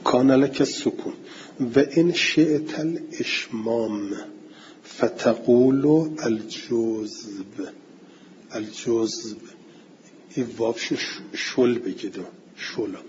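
A man gives a classroom lecture on grammar. He recites the text slowly and then explains it in plain talk. The recording is dull and lo-fi, with a faint hiss and room ambience behind him. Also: medium pitch, lively intonation. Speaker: teacher of Arabic grammar.

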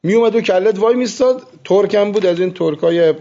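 Seminary teacher guy, fairly high voice, lively stories w soft asides, muffled lo-fi recording. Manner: animated storytelling with soft asides. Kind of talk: classroom lecture with anecdotes.

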